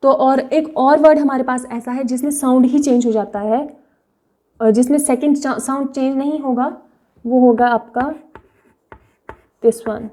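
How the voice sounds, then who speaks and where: A young woman teaching a language online, explaining patiently, repeating example words slowly and often checking with the listener. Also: high-pitched, fairly even intonation, mellow.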